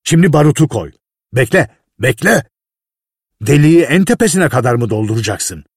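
A man voicing a harsh, cursing male mine foreman who barks orders, in a husky voice, in a read-aloud story. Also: medium pitch, sing-song, normal speed, dry recording, clean studio sound. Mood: bullying. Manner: shouting, barking orders. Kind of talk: audiobook reading.

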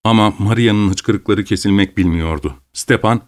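Low-voiced man reading a story. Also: measured pace, dry recording, studio quality. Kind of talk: audiobook narration.

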